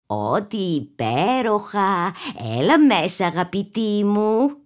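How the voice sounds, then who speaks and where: A woman voicing a cunning male wolf pretending to be a sweet grandmother, speaking slowly and drawing out his words. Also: mid-range voice, very animated, natural voice. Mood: falsely sweet. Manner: slow, drawn-out, falsely sweet. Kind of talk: storybook character voice.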